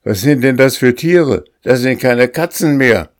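A man doing a panicked old miser shouting in alarm. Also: expressive, a little slow, no echo, clean studio sound, close to an everyday voice. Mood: frantic, shouting. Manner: shouting in alarm, voice pushed higher. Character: miserly, suspicious older man, easily panicked.

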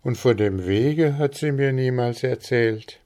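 A man's voice: mid-range voice, unhurried, warm tone, voice pushed up, natural voice. A man reading the part of an old widowed mother in a storybook, lifting his voice for her urgent, anxious speech.

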